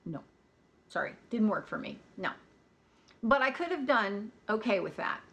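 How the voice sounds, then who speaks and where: An American woman chatting about audiobooks in a relaxed, candid way. She talks plainly, with easy asides, at a middling pitch. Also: moderate pace, creaky. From United States. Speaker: audiobook reviewer. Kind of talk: casual chat.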